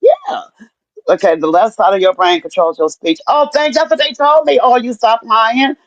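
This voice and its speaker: A middle-aged woman telling her story in casual chat, animated and profane, acting out what people said to her. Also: mid-range voice, moderate pace, dry recording. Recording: dull lo-fi dry sound.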